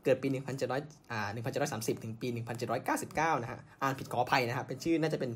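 A man's voice: medium pitch, racing, a bit bright, slightly rough. A man hosting a podcast, telling science history in a casual way, with many fillers and self-corrections. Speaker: podcast host.

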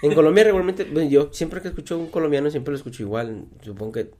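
A man's voice: on the high side, a little mellow. A young man, chatting casually with friends, slangy and joking. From Mexico. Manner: fast, slangy and joking, acts out quoted exchanges. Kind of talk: casual chat.

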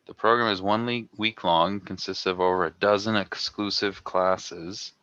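A man's voice: deep voice, steady tone, normal speed, sharp tone, dry recording, highs cut off. A man co-hosting a podcast in casual chat, jokey and riffing on bits. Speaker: podcast co-host. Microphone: video call.

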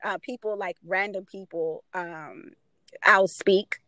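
A woman's voice: mid-range voice, steady tone, takes it slowly, bright, forceful tone, no echo. Confident woman guest on a podcast. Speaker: guest, real estate investor. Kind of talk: casual conversational interview.

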